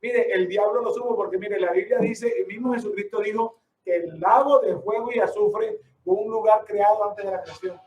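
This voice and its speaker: High-voiced emphatic male preacher. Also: normal speed, a little mellow, echoey room, recorded from a distance, rough recording. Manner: emphatic, rhetorical questions, addresses listeners as brother. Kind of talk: sermon.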